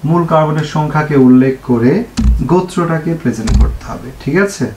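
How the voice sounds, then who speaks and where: A man's voice: on the high side, a little fast, a little mellow. A male chemistry teacher giving an online lesson, asking questions and answering them himself and repeating the key points. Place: home room, fan switched off. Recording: echoey room, faint noise.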